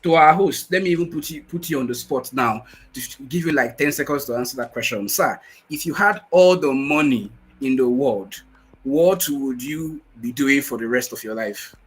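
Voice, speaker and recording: A man giving an energetic motivational webinar talk over a video call, repeating phrases for emphasis. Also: medium pitch, moderate pace, slightly rough, soft background music, poor audio. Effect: heard over a video call. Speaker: guest speaker. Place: at home in Nigeria on a shaky connection.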